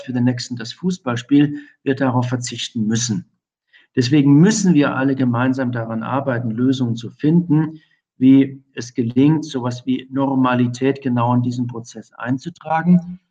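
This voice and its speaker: A middle-aged man speaks as an infection medicine expert in an interview, answering in long, measured, formal sentences packed with academic vocabulary. His voice is medium-pitched and a little mellow, captured in dull lo-fi audio.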